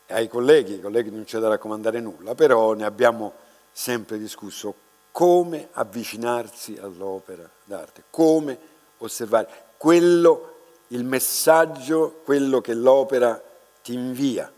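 Speaking into a lectern microphone in a big, dark hall, an older man who restores art delivers an unscripted lecture slowly and thoughtfully. His medium-pitched voice is somewhat dark in tone, he pauses and restarts frequently, and the recording carries reverberation and mains hum.

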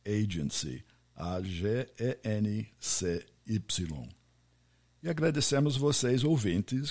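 An American man, a podcast host, speaking Portuguese in a friendly business interview and slowly spelling out names and web addresses. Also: medium pitch, darkish tone. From United States.

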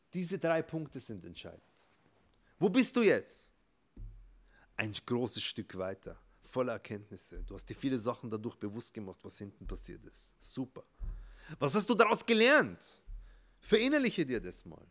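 A man, a rabbi, giving an emphatic motivational talk that swings between soft and loud. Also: medium pitch. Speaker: rabbi and therapist.

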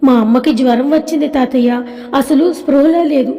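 A woman's voice: high-pitched, moderate pace, mellow, long reverb tail, dull audio. A woman doing a tearful, chatty little girl. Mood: tearful pleading. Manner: sweet, pleading child talk.

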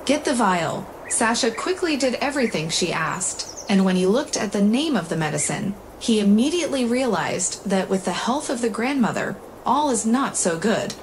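A woman hosting a story channel, calmly narrating a scripted life story, with faint noise in the recording. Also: medium pitch, moderate pace.

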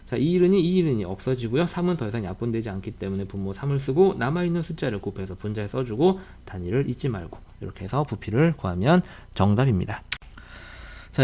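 A man teaching a math lesson in an online video lecture, walking through problems briskly and repeating reminders between friendly asides. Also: medium pitch, mellow.

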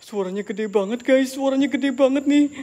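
Young male live streamer, high-pitched, jittery, keeps muttering prayers and calling out to viewers; house at night, camera mic. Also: moderate pace, warm tone. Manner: nervous, murmurs prayers and keeps addressing viewers. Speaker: host of a live ghost-hunting stream. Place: inside an empty house at night.

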